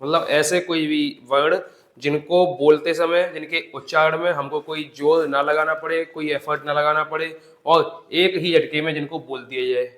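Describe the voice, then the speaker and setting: A man teaching a Hindi grammar lesson for exam preparation, explaining step by step, repeating definitions, asking the class rhetorical questions and drawing out example words slowly. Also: on the high side, a bit bright. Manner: addresses students as "bhai". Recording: echoey classroom sound.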